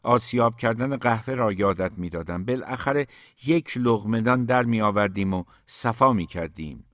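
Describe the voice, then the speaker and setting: A man's voice: fairly low pitch, no room sound, studio quality, lightly acted. Man voicing an easygoing old shopkeeper.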